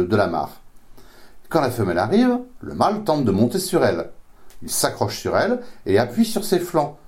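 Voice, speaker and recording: Man explaining science in a lively, mellow voice. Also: mid-range voice. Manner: didactic, with frequent self-repetitions and searching for words. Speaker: biology expert explaining animal reproduction. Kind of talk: informal science explanation in dialogue.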